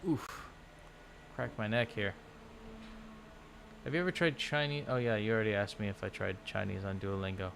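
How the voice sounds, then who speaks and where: A man's voice: on the low side, fairly even intonation, normal speed, vocal fry, pauses often, a bit bright, slight background noise. A man chatting casually on a livestream as he works through language lessons, thinking aloud with many restarts. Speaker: language-learning vlogger. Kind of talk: casual livestream chat while doing lessons.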